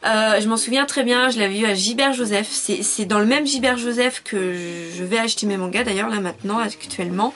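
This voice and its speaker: A woman in her twenties chatting casually as she answers viewer questions in a video, with lots of fillers and quick self-corrections. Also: medium pitch, fairly bright tone. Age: 20s. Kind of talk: casual chat.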